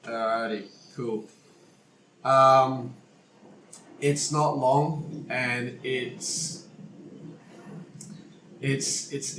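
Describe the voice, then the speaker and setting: A man's voice: medium pitch, a bit bright. A man running a tabletop game as game master, telling the scene in a casual, hesitant way with restarts, recorded on a single mic shared around a table. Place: room with friends around a table. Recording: roomy single-mic recording with faint noise.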